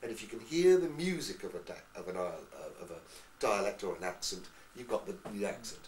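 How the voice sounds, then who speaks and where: A man from England, an actor being interviewed, telling lively anecdotes and slipping into accents. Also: on the low side, fairly quick, a little hiss or hum. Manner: lively storyteller, slips into accents. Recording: echoey room, far from mic.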